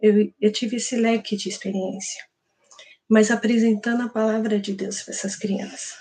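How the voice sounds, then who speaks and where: A woman's voice: medium pitch, flat delivery, moderate pace, mellow. A woman with a Brazilian Portuguese accent, giving an earnest, emotional personal testimony at church. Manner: earnest, emotional storytelling with quoted prayers.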